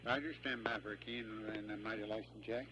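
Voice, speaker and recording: A man's voice: on the low side, fairly even intonation, quick pace. A man working as a communications controller, giving clipped check calls over the radio like a pilot. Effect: radio transmission. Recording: very noisy, beeping radio loop.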